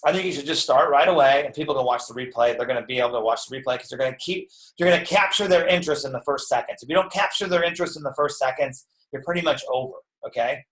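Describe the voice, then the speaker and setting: A man's voice: mid-range voice, fast, few pauses. Chatty man coaching in an echoey room. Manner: energetic and chatty, full of "okay" and "right". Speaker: network marketing trainer. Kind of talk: casual live-stream training talk.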